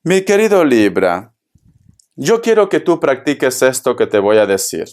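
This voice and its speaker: A man's voice: medium pitch, sing-song, normal speed, a little mellow. A man giving a casual tarot reading, speaking affectionately and calling the listener by endearments. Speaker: tarot reader.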